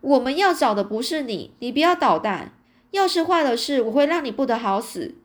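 A woman voicing a hoarse, menacing male senior disciple in a storybook reading. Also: on the high side, big pitch swings, fast. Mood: threatening. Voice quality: hoarse, raspy. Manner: threatening.

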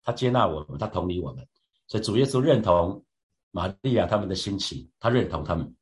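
Low-voiced man giving a reflective devotional. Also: animated, fairly quick. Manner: reflective, asks listeners rhetorical questions, frequent soft fillers. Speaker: church leader sharing a devotional. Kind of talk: devotional Bible teaching.

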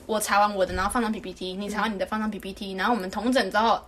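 A young woman in her twenties with a Taiwanese Mandarin accent, co-hosting a podcast and venting in animated casual chat. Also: mid-range voice, racing, slight background noise. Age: 20s. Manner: animated, venting, mimics others. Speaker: podcast co-host.

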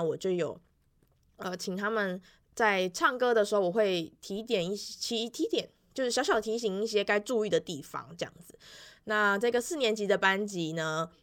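A young woman in her twenties talks casually about her music classes. Her storytelling is chatty and loose, full of small fillers and restarts, and she briefly mimics the children's voices when she quotes them. Her pitch sits in the middle range for a woman. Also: fairly bright tone. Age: 20s. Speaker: elementary music teacher. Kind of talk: casual weekly vlog monologue.

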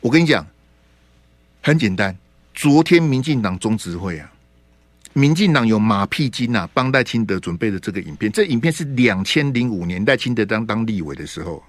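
A man's voice: fairly low pitch, animated, moderate pace, no room sound. A man hosting a radio talk show, ranting about politics with mocking rhetorical questions. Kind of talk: opinionated political commentary.

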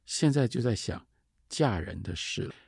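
A male lecturer voicing a sharp-tongued old female servant who nags and taunts with rhyming sayings. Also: lowish voice, lively intonation, moderate pace, gravelly, husky, no room sound, studio quality, heavily acted. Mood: needling.

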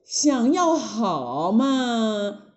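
A woman voicing a cocky male monkey king who gives brisk, raised commands. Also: fairly high pitch, very animated, darkish tone, muffled recording, exaggerated voice. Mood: sly.

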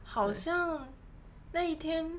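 A woman's voice: extremely high pitch, expressive, slow, slight background noise. Playful young woman podcast co-host. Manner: jumbled, playful retelling. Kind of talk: casual storytelling chat.

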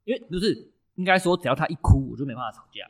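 A man's voice: fairly high pitch, lively intonation, racing. A man co-hosting a casual podcast chat, rambling with stammered restarts and bursts of laughter. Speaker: podcast co-host.

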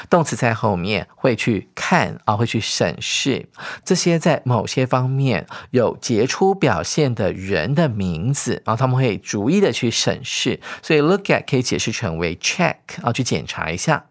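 A male English teacher explaining a reading passage, reading English lines slowly and then explaining them in chatty Mandarin, with soft "ah" and "oh" at phrase ends. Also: mid-range voice, no echo, studio quality. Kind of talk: radio-style English reading lesson.

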